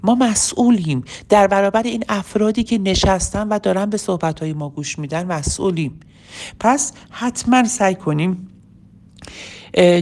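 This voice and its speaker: A middle-aged woman teaching public speaking. She asks rhetorical questions and acts out sample speeches to make her points. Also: lowish voice. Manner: animated, rhetorical questions, plays out example speeches. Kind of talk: teaching talk, addressed to listeners.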